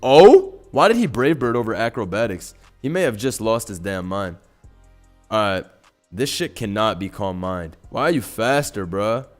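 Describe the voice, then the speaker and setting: A young man doing live gaming commentary on a stream, full of slang and curses, dropping to low mutters and then shouting when a play goes wrong. His voice sits fairly low but jumps all over the place. Faint music plays under him. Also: normal speed. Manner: excitable, profane, slangy, swings from mumbling to yelling.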